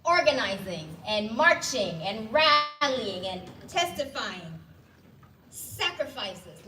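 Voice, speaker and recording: A woman from Ghana, giving a rousing rally speech and drawing call-and-response from the crowd. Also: a little high. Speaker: rally speaker, legal director. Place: indoor hall at a rally. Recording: echoey hall, distant mic, noisy.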